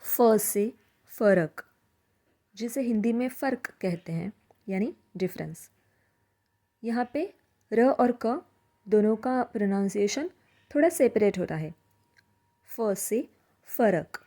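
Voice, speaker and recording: A woman teaching a language lesson, slowly drawing out example words and explaining how to say them. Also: mid-range voice, animated, dark tone. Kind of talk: slow spoken language lesson.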